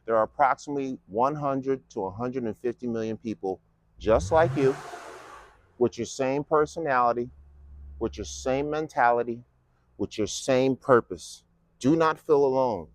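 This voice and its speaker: Mockery and rhetorical questions fill the casual political speech of a vlogger in his fifties. His pitch is medium, and the recording is dry.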